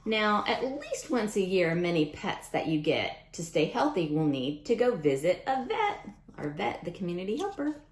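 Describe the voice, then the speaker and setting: In an echoey room, a woman with a low-leaning voice reads a picture book to young children at a moderate pace. She's expressive and adds chatty remarks aimed straight at her listeners.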